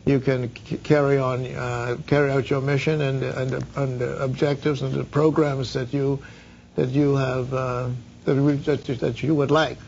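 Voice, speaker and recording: An older man from the Bahamas interviewing a guest in a TV studio, halting, with many repeated words and fillers. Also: medium pitch, little pitch movement, gravelly, darkish tone, lo-fi sound, slight background noise. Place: dark TV studio. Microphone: lapel mic.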